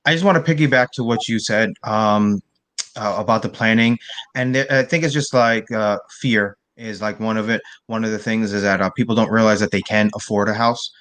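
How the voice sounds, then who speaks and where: Low-voiced relaxed man. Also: fairly quick. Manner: relaxed, hesitant with fillers. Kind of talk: casual panel chat.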